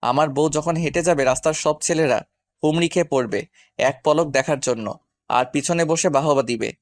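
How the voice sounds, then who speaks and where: A man's voice: on the high side, moderate pace, no room sound, close to an everyday voice. A man playing an arrogant, cruel young husband who speaks harshly and with contempt in a Bengali audio drama. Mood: contemptuous.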